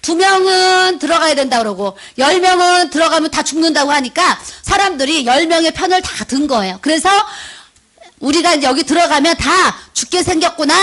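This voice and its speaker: A woman's voice: high voice, fairly bright tone. A middle-aged woman, a pastor's wife, preaching a sermon in church, telling stories and acting out the dialogue, often laughing. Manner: storytelling, acting out quoted dialogue. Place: church sanctuary.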